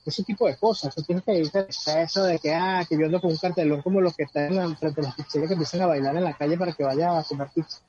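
A man's voice: on the high side, fairly even intonation, quick pace, darkish tone. A man giving earnest, conversational advice on personal growth, often repeating words as he searches for them. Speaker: guest speaker on personal growth. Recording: dull lo-fi sound with faint background noise.

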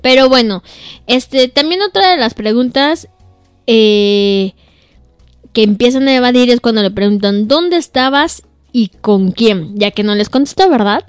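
A woman's voice: a little high, moderate pace, smooth, no room sound, clean studio sound, faint music behind. A woman co-hosting a casual chat, talking bluntly and emphatically and laughing often. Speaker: co-host.

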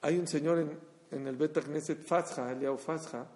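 Animated man preaching in a hall. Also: on the high side, moderate pace. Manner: animated storyteller, acts out dialogue. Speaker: rabbi. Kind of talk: sermon with storytelling. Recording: long hall reverb.

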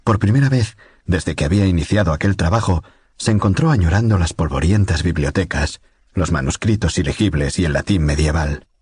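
Male audiobook narrator, very husky and breathy, dry close recording, measured pace. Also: sits low, a little mellow, dry recording. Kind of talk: scripted narration.

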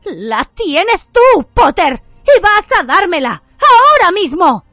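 A woman voicing a cruel, fanatical witch who screeches her lines in a high, shrill voice. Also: sing-song, slow pace, a bit bright, dry recording, studio quality, soft background music, heavily acted. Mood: frantic.

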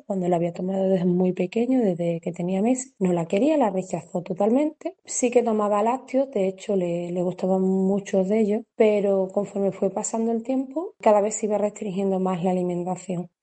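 Mom, really dark mellow voice, talks slow with lots of ums. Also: female voice, medium pitch. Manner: measured, hesitant with many hums. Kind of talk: casual testimonial.

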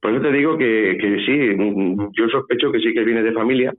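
A man's voice: lowish voice, moderate pace. A man from Spain with a Spanish accent, telling a personal story as a guest in a phone interview, hesitant and repeating his words. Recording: tinny phone line with faint music.

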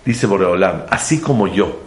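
A man's voice: sits low, animated, normal speed, darkish tone. A man giving a Torah sermon, asking rhetorical questions and using playful homely examples. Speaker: religious teacher. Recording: echoey room.

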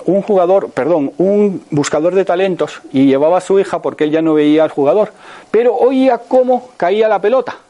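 A man's voice: high-pitched, warm tone. A man in his sixties with a Spain Spanish accent giving a motivational talk to an audience. He asks many rhetorical questions and keeps checking in with his listeners. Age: 60s. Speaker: motivational speaker.

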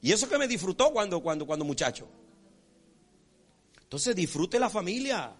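A man preaching a sermon as pastor, folksy and animated, acting out characters and checking in with his congregation. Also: sits high, moderate pace. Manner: repeats rhetorical check-ins with the congregation.

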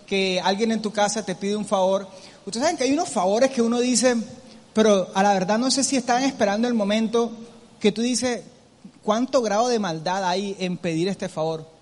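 High-voiced preacher in a hall. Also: male voice, darkish tone. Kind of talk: sermon.

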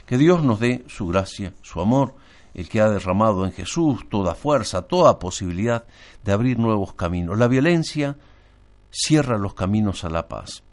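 Low-voiced priest leading prayer. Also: male voice, expressive, moderate pace, a little mellow. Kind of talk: homily and liturgical prayer.

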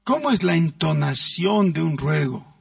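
A man's voice: on the high side, very animated, gravelly, breathy edge, dry recording, recorded from a distance. A man preaching a sermon as pastor, stressing words and acting out quoted voices. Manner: emphatic, drawn-out words with acted quotes.

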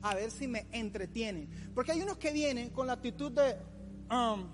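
In his forties, this pastor has a very high, animated voice and speaks at a moderate pace, delivering an informal youth sermon in a colloquial, teasing way while acting out imagined complainers. The recording carries long hall reverb with music underneath.

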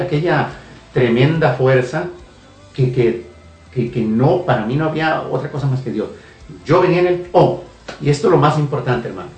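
A man earnestly telling a personal faith testimony on a radio talk show, with hesitations and repeated phrases. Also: mid-range voice. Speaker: guest giving testimony. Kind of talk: emotional spoken testimony. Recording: echoey room, heard from a distance, faint music.

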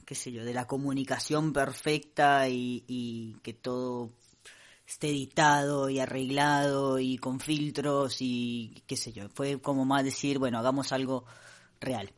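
A man's voice: mid-range voice, little pitch movement, a little slow. A man, co-hosting a casual unscripted podcast chat, hesitant and full of restarts, speaking into a handheld mic. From Costa Rica. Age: 30s. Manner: hesitant, restarts often, laughs easily. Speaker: podcast co-host.

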